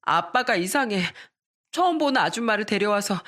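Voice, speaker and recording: A woman's voice: medium pitch, animated, normal speed, fairly bright tone, natural voice. A woman voicing an upset young girl pleading with her grandmother, tearful.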